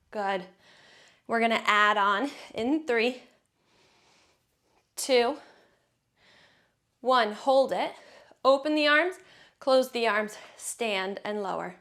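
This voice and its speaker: Leading a guided workout, a female fitness instructor counts reps and cues breathing with encouragement, slightly winded since she's exercising too. She draws out her words and leaves long pauses, her voice on the high side and a bit bright.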